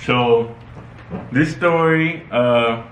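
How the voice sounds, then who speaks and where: Young American man, mid-pitched, laid-back slangy storyteller, recorded with room echo. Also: extremely slow. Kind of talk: casual chat and storytelling. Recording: echoey room, faint background noise.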